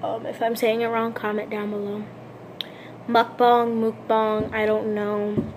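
A woman's voice: medium pitch, completely flat delivery, normal speed, darkish tone, slight background noise. A woman vlogging a casual eating show, rambling with lots of fillers and restarts.

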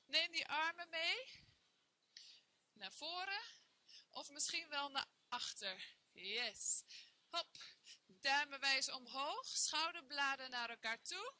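Working out with her class in an empty indoor room, this young woman counts repetitions and encourages everyone in a high, lively voice. Her tone is bright and forceful, yet her pace stays slow and full of long pauses, the style of a trainer guiding a session.

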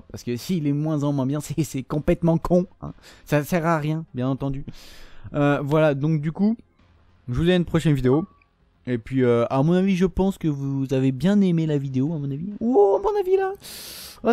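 A man commentating his own shooter gameplay, excitable and swearing often, shouting at opponents. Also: a little high, no echo. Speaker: gaming YouTuber.

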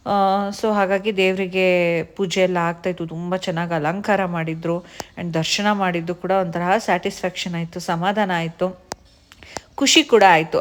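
A young adult woman and mother narrating a casual family vlog in a chatty way, dropping English words into her talk. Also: on the low side.

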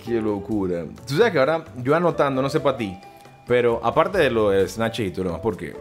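A man's voice: mid-range voice, big pitch swings, a little fast, soft background music. A young man with a Panamanian Spanish accent, a podcast host and fitness coach telling stories in casual, slangy chat and laughing often.

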